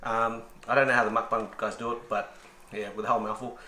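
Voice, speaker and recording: A man hosting a casual cooking demonstration, chatty and relaxed with frequent ums. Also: lowish voice, quick pace, roomy sound. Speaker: cooking channel host.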